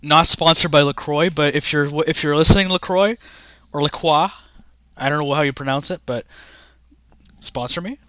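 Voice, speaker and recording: A man's voice: a little high, fairly even intonation, a little fast, sharp tone, no room sound, studio quality. A young man rambling casually to his chat during a livestream, often restarting sentences. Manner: rambling, chatty, talks to chat. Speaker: streamer.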